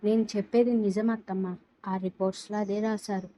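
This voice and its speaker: A woman's voice: mid-range voice, flat delivery, fairly quick, dark tone, natural voice. A woman voicing a distraught young wife who pleads and protests in a read-aloud story. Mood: distressed.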